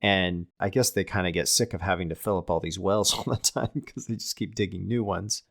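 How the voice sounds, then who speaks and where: A man's voice: low-pitched, fairly even intonation, fairly quick, creaky, a bit bright. A man co-hosting a casual scripture discussion podcast, talking thoughtfully and often restarting and repeating words as he works through a point. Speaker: podcast co-host.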